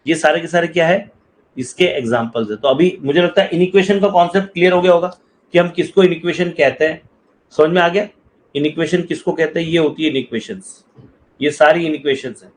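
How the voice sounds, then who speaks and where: A male math teacher with a brisk, fairly high voice lectures in class with a slight touch, explaining step by step and often asking students whether they understand. The recording is low quality.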